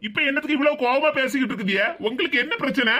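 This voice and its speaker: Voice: high voice, racing, sharp tone, slight background noise. A voice actor doing an exasperated grown son. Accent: Tirunelveli Tamil. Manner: pleading, exasperated questioning. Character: middle-aged son, patient and defensive.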